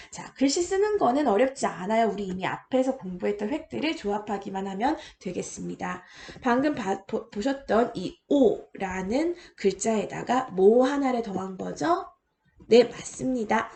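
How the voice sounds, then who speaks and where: A woman's voice: medium pitch, vocal fry, darkish tone, slight background noise. A woman lecturer patiently explaining, step by step, how to draw letters in an online language lesson.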